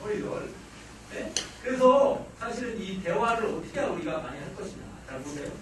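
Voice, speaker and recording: Guy giving a lively parenting talk, high voice going all over, echoey hall, mic kinda far. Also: normal speed, background noise. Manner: animated, acts out mothers' lines with sudden shouts. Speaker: psychology lecturer. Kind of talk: lively parenting lecture to a live audience. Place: lecture hall. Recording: roomy hall sound from off-mic. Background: audience laughter.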